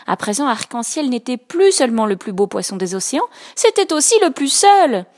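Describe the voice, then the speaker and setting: Woman reading a children's story softly. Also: a little high, a little fast. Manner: soft, expressive storytelling. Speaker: storybook reader. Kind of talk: reading a children's picture book aloud.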